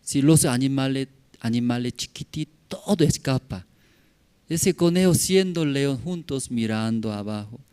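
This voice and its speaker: Slow-preaching pastor, Spanish. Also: male voice, mid-range voice, animated, a little mellow, clear, resonant tone. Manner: halting non-native Spanish, tag questions to the congregation. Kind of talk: sermon. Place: church in La Paz.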